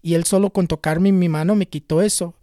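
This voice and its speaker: A man telling a personal story in a casual, halting way, often repeating and restarting words. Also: high-pitched, fairly even intonation, dark tone, dry recording, studio quality. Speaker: channel host recounting a spiritual experience.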